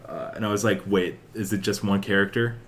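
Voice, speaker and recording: Here a young man hosts a podcast in a low-leaning, flat, brisk voice. His casual talk about video game news wanders, and he leans heavily on "like" and "uh."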